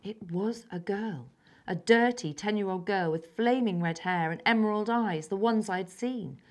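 A schoolgirl of about ten from England, reading aloud her own story with careful, even delivery and soft, breathy moments. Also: medium pitch, measured pace. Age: child, about 10. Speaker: young story author.

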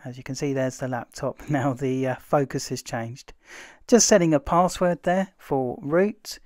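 A man, casually talking through a computer tutorial as host, relaxed and filled with "uh" pauses. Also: medium pitch, no room sound, clean studio sound. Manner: relaxed, chatty, many "uh" fillers. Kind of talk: casual screen-recorded tutorial narration.

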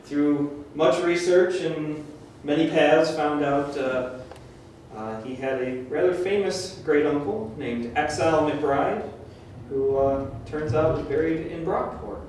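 A man's voice: fairly high pitch, slow, a little mellow, slight background noise. Man introducing a speaker, far off, echoey. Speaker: host. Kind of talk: event introduction. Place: museum lecture room.

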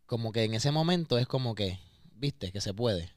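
This singer, a man from Puerto Rico, sits for a candid podcast interview in a studio, using a lowish, expressive voice at a moderate pace. His Puerto Rican Spanish accent is clear, and his emotional, open talk includes repeated words as he searches for them. The studio-quality audio has no echo.

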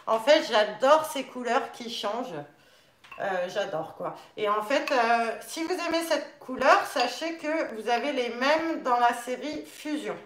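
Speaking in a slightly bright, animated voice on the high side, a young French-speaking nunchaku instructor takes her time as she demonstrates different models. She talks chattily and fills pauses often during this relaxed home live stream. It's recorded indoors in her living room by a camera across a table, and the space echoes.

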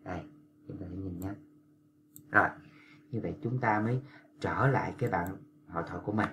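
Guy teaching a language class, really low voice, slow repeats, faint hum behind. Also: pushed and bright. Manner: patient, repetitive, drawn-out demonstrations of pronunciation. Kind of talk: explanatory lesson for language learners.

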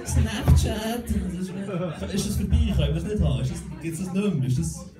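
A young man with a Swiss German accent doing a stand-up comedy set, deadpan and self-mocking, acting out other people's voices. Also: high-pitched, normal speed, recorded from a distance. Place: comedy club stage. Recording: roomy club with loud crowd and music.

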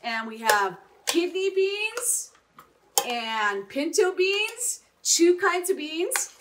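A woman's voice: extremely high pitch, very animated, drawn-out words, noisy background. A middle-aged woman chef giving an upbeat cooking demonstration in a home kitchen, often checking in with "right?".

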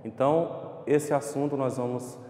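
A male primary school teacher with a Brazilian Portuguese accent gives a recorded remote class. He draws out syllables slowly and speaks in an encouraging way. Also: medium pitch, steady tone, mellow. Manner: slow, drawn-out syllables when spelling words, encouraging. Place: classroom with a whiteboard. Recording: echoey classroom with long reverb.

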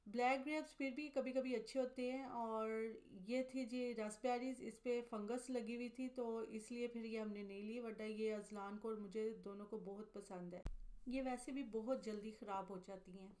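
Woman vlogger, somewhat high voice, even scripted voice-over, matter-of-fact price listing. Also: moderate pace. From Pakistan. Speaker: vlogger, mother. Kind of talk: scripted voice-over narration of a store tour.

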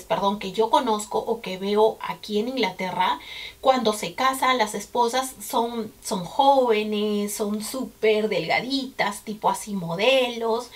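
A chatty Peruvian woman in her thirties with a Peruvian Spanish accent and a voice pitched a little high. She talks casually to camera like a vlogger, circling back and repeating words to stress her points. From Peru.

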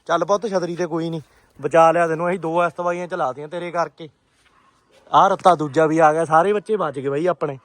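A man giving casual, animated vlog commentary, often repeating short phrases. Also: fairly high pitch, fairly quick, no echo. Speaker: pigeon keeper and vlogger.

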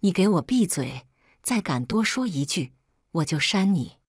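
A hot-tempered middle-aged father barks and scolds, as a woman narrator puts him on. His voice sits low and swings widely as he shouts. The sound is dry and close, with no room around it. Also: big pitch swings, normal speed, slightly rough, no room sound. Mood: angry scolding.

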